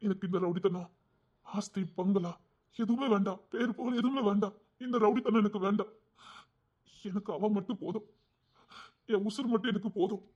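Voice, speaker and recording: A man plays a gang king in an audio story, pleading softly with a high Tirunelveli Tamil voice. He longs for a quiet family life and speaks with tender feeling. The recording is dull and lo-fi. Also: a little fast, pauses often. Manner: soft, pleading, heartfelt.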